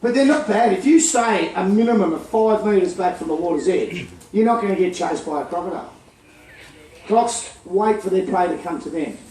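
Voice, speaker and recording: A high-voiced Australian man cracks jokes and banters with a live crowd at a crocodile feeding show. He is heard from a distance, with an echoey ring around his voice. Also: lively intonation, moderate pace, darkish tone, a little hiss or hum. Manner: jokey, teasing banter with the audience. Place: outdoor crocodile farm show area.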